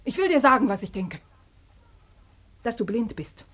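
A distraught young woman defying her father, high and heartfelt, close to tears. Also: sing-song, normal speed. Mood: accusing. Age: young adult. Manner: impassioned pleading, breaking into tears. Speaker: daughter. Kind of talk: radio drama acting.

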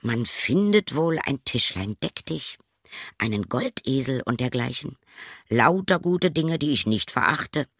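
A man's voice: medium pitch, expressive, a little slow, fairly bright tone, no room sound, studio quality, voice pushed up. A man voicing a bold, proud young craftsman in a fairy tale, speaking raised and emphatic. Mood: boastful.

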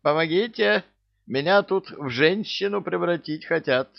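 A man's voice: mid-range voice, huge pitch swings, moderate pace, creaky, lo-fi sound, pitched above the performer's own voice, full character voice. A man doing a whiny, jumpy little soldier. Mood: panicky. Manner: whiny, yelping. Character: small, jumpy, whiny young male soldier.

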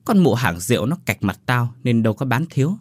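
A man voicing a boozy, impatient older male thief who talks gruffly and blusters. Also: medium pitch, sing-song, brisk, no room sound.

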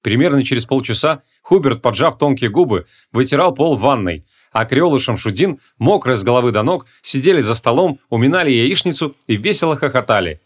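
A male narrator reading a comic fantasy audiobook at a quick clip. His delivery is brisk and wry, with a mid-pitched voice. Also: animated. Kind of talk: scripted narration.

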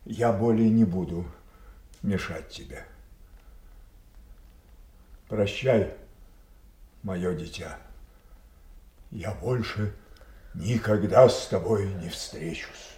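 King Lear, slow, echoing, wounded old monarch. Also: lowish voice. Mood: grieving, bitter. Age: older. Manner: declamatory, slow and halting, swinging from hushed to thundering. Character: proud, wounded old king and father, raging at his daughters. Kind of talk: Russian classical stage tragedy acting, audio play. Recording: roomy, echoing studio audio play.

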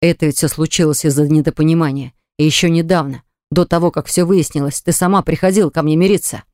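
A woman's voice: low voice, steady tone, fast talker, warm tone, no room sound, studio quality, close to an everyday voice. A woman voicing an insistent young man who pleads earnestly with his ex in an audiobook. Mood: pleading. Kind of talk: audiobook dialogue.

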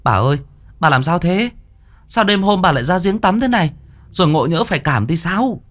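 A man's voice: sits high, expressive, normal speed, fairly bright tone, voice pushed up. A man voicing fussing household servants who coax and reassure their mistress in a spoken ghost story. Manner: coaxing, reassuring.

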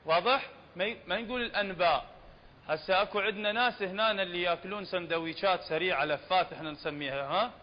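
A man with an Iraqi Arabic accent teaching the rules of Quran recitation in a fairly high voice. He explains patiently and keeps checking whether his listeners follow. The recording is dull and lo-fi, with a long reverb tail. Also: fast. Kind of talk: religious lesson on recitation rules.

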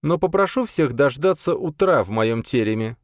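A woman's voice: extremely low pitch, lively intonation, moderate pace, no room sound, studio quality, voice pushed up. A man voicing a stern, authoritative woman who runs her household, speaking curtly. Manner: curt, authoritative. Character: stern commanding lady of the house.

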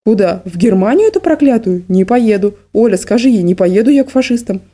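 A woman reading an audiobook voices a frail, confused old woman in a nursing home who rambles and then turns shrill and accusing; her voice is mellow. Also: animated, a little fast, close to an everyday voice. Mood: hostile, shrill.

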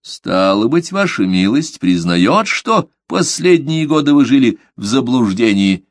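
In an audiobook, a man with a medium-pitched voice plays a stern, grim older cleric serving as inquisitor, questioning coldly and probingly. His pitch swings widely, his delivery is a little slow, and there's no echo.

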